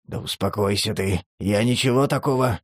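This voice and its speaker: A man voicing a wary, bewildered homeless man in a horror audiobook, speaking in a low, subdued, hesitant way. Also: lively intonation, takes it slowly, husky, no room sound, studio quality, exaggerated voice.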